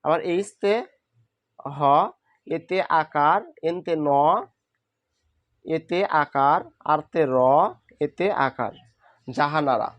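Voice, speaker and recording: A man's voice: a little high, slow pace, long pauses, a bit bright, no room sound. A man teaching a spoken lesson, patiently asking questions and answering them himself. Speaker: English teacher.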